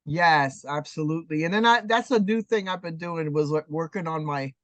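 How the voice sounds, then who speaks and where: A woman in her sixties from New York City, telling her story as an interview guest in an animated, emphatic way. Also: low-pitched, moderate pace, no echo. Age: 60s. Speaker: guest artist. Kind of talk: casual interview chat.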